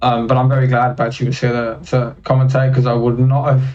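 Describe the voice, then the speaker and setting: A man's voice: mid-range voice, monotone, a little fast, darkish tone, lo-fi sound. A man speedrunning a game and chatting casually in a modest, self-deprecating manner. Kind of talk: casual chat while playing. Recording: distant mic, faint background noise.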